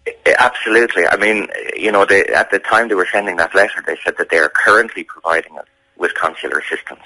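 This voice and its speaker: An Irish man being interviewed on the radio, speaking insistently in a halting way with repeated words. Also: sits low, sharp tone, husky, dry recording, rough recording. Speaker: campaigner interviewed about a family member's case.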